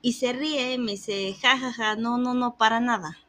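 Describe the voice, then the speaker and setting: A woman's voice: fairly high pitch, moderate pace. A woman, telling a funny story in casual chat and acting out the other person's lines, laughing often. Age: 30s. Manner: animated, acts out quoted dialogue, laughs often.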